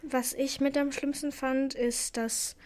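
A teenage girl from Afghanistan chatting casually, telling stories about school in an animated, indignant way. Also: high-pitched, slow. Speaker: student talking about school. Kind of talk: casual chat.

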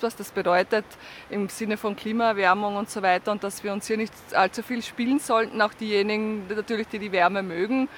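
A woman's voice: medium pitch, a little hiss or hum. A woman walking on a riverside promenade, answering a street interview in a chatty, thoughtful way. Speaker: passer-by.

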